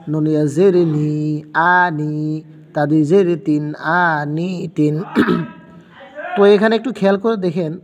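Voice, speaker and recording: Man, patient reading teacher, spells out sounds slowly, fairly high voice, long reverb. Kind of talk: step-by-step reading lesson.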